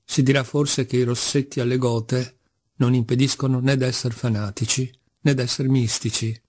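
Husky male audiobook narrator. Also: mid-range voice, level tone, moderate pace, darkish tone. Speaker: audiobook reader. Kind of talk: scripted literary narration.

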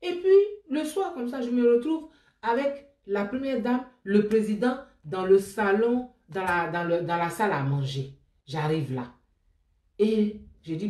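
A woman with an Ivorian French accent tells personal memories aloud, her voice swinging high and loud when she gets excited and dropping low and soft for quoted words. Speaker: storyteller sharing memories. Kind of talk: animated personal storytelling. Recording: echoey room, voice from a distance.

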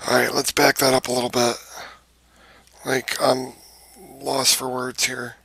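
A man hosting a trailer reaction video, chatting casually from a small room, moving between short exclamations and slower musing. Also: mid-range voice, completely flat delivery, gravelly, pushed and bright, husky, no room sound. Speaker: YouTube host.

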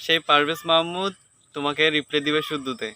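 A man's voice: fairly high pitch, steady tone, fast talker, bright, forceful tone, soft background music. A man chatting casually to vlog viewers and companions.

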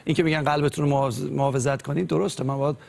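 Earnest young man with a gravelly voice. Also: fairly high pitch, steady tone, a little mellow. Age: 20s. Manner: earnest, hesitant with fillers.

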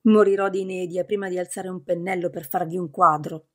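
Woman voicing trapped male painter, defiant, complaining, low, husky. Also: level tone, brisk, natural voice. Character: stubborn, desperate male painter locked in his room.

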